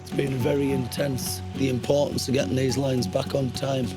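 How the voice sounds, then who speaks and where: Male works manager, progress update, extremely even intonation, strong music underneath. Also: mid-range voice, moderate pace. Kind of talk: progress report to camera. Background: prominent music.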